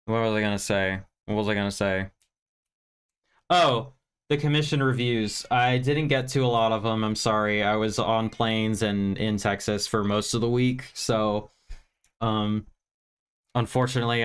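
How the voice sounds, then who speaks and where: His pitch is fairly low, his tone a bit bright and smooth. He's a weary livestream film review host from Virginia, USA, still recovering from sinus congestion, talking casually in a rambling, frank, self-deprecating style with occasional cursing.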